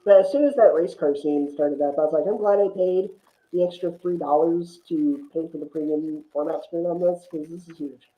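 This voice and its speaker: A podcast panelist with a fairly high voice and fairly even intonation chats casually about films at a moderate pace. The room is echoey, and his audio comes through a muffled, thin, phone-like line.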